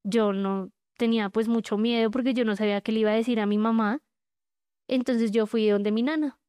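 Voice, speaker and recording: A woman tells her own story as a podcast guest, halting and candid and full of small fillers. Her voice sits a little high and sounds smooth and clear. The recording is close and dry, with no room sound. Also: steady tone, warm tone, dry recording. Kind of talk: personal testimony in a podcast.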